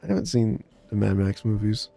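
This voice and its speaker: A man playing a video game and chatting casually, laid-back and rambling with frequent halting restarts. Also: on the low side, level tone, creaky, dark tone. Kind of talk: casual let's-play chat.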